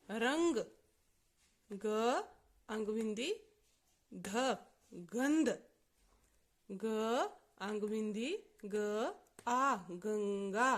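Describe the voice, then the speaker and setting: A woman teaching a reading lesson, sounding out each letter one by one and asking and then answering her own questions. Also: on the high side. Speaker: Hindi teacher. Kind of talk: slow spelling-out lesson for children.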